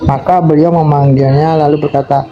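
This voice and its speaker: A man in an online debate, speaking haltingly and reading a passage aloud slowly. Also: a little high, little pitch movement. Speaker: debate guest. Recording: dull lo-fi voice-chat audio with crowd noise.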